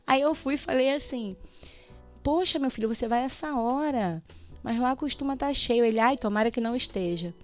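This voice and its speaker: Radio guest, female, higher register; lively testimonial storyteller who acts out dialogue, light music bed. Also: normal speed. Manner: animated storytelling, acts out prayers and dialogue, laughs often. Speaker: radio show guest, teacher. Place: radio studio.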